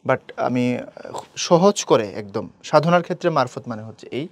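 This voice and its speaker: A man's voice: mid-range voice, expressive, normal speed. A young man, teaching an exam-prep lecture and often checking that listeners follow.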